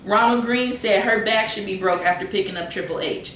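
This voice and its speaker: A woman's voice: mid-range voice, brisk, fairly bright tone, a little hiss or hum. A woman in a casual debate among co-hosts, chatty and argumentative. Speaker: co-host. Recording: echoey room, far from the mic.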